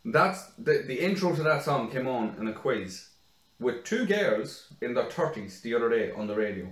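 A man chatting on a casual podcast, mid-pitched and full of swings up and down as he tells his stories. He swears freely and laughs often. The room around him rings with echo. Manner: swearing, animated storytelling, quick laughs. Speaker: podcast co-host. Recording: echoey room.

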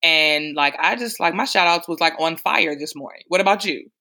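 A woman's voice: sits low, normal speed, pushed and bright. A woman hosting a podcast, chatting casually and playfully teasing her co-host, often with a laugh. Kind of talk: casual chat.

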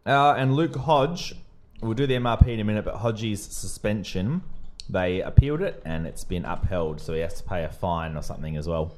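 A man's voice: fairly low pitch, expressive, normal speed, darkish tone, slight background noise. A young Australian man hosting a casual podcast, talking in laid-back banter that often breaks into laughter. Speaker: podcast host. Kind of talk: casual chat.

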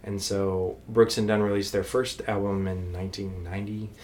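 Low-voiced man, rambling podcast chat. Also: flat delivery, moderate pace, darkish tone, a little hiss or hum. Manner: rambling, many fillers and restarts. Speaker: podcast co-host. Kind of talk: casual chat.

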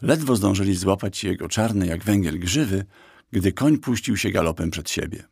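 A man narrates a children's audiobook in a calm, even storyteller's manner. His voice sits low, with a husky, gravelly texture. The recording is close and dry from a studio mic. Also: moderate pace, no echo.

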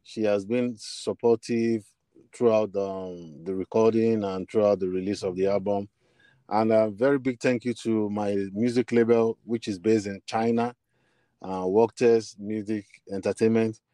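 Speaking a little slowly in a lowish, mellow voice with fairly even intonation, this Nigerian man is a bassist and singer being interviewed. He shares personal stories, hesitating and repeating words as he hunts for how to put things. There's no room sound.

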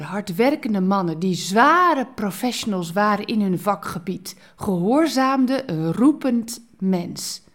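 A woman hosting a devotional podcast, speaking expressively and switching between lively and hushed phrasing, ending with a prayer. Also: medium pitch.

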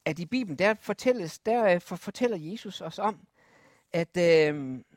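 A preacher telling a Bible story to children, lively and asking the listeners questions. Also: mid-range voice, no echo, clean studio sound.

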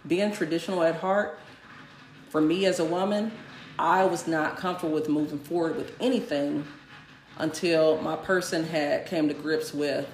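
A woman's voice: sits low, steady tone, normal speed, a little mellow, roomy sound, a little hiss or hum. A woman co-hosting a casual chat, speaking emphatically and addressing listeners directly. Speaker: podcast co-host.

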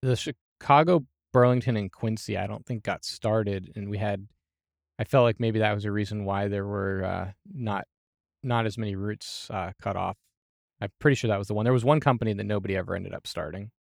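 Gravelly low-voiced man, wry. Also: a little fast, no room sound, clean studio sound. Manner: wry, hedging, trails off softly. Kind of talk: casual board game discussion.

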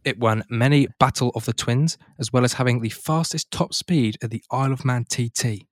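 A man's voice: mid-range voice, moderate pace, no echo. A man co-hosting a podcast who presents facts steadily and adds dry jokes in a casual chat. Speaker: podcast co-host.

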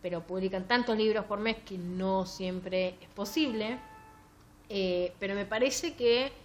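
A woman's voice: mid-range voice, measured pace, a little hiss or hum. Sarcastic Rioplatense woman podcaster. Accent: Rioplatense Spanish. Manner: sarcastic, animated, reads passages aloud mockingly. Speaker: podcast co-host. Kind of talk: casual book-review chat.

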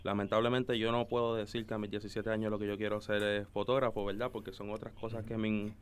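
With a lowish voice, flat delivery and quick pace, a Dominican and Puerto Rican man in his twenties recounts his story casually on a podcast, speaking with a Caribbean Spanish accent. He is a photographer and videographer, and a slight hiss or hum is present.

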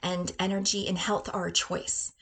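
A woman's voice: lowish voice, flat delivery, normal speed, a bit bright, slight background noise. Woman in her forties, host and health coach, casual promotional monologue, bubbly and upbeat, laughs a lot. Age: 40s.

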